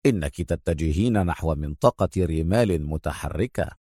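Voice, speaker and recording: A man voicing a calm, quietly confident male hero in a spoken story, speaking low and controlled. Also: normal speed, no room sound, clean studio sound.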